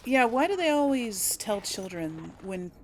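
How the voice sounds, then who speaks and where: This gaming host, a woman, talks through a role-play Let's Play in a casual way, musing aloud as she goes. Her voice is on the high side with big pitch swings and a slightly slow pace, with a crowd, faint noise, and game ambience behind her.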